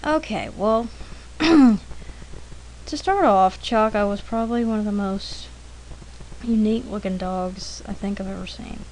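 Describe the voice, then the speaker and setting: An artist narrates a drawing demonstration in a chatty, informal, rambling way, sharing anecdotes and clearing her throat often. Her mid-range voice is a little mellow and unhurried, with long pauses. The recording is rough, with slight background noise.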